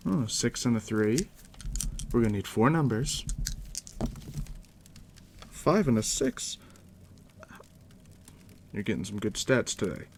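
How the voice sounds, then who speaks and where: A lowish, gravelly male voice murmurs tabletop game rules to the listener, playing a game master in a quiet ASMR roleplay. He takes his time and keeps it conversational and direct. Steady background noise and fire crackle fill the scene.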